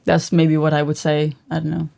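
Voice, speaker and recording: A woman's voice: sits low, completely flat delivery, a little fast, vocal fry, mellow. Blunt woman chatting with a laugh. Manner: blunt, laughs easily, says she exaggerates when on a roll. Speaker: co-host of a couple's livestream. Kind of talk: casual livestream chat.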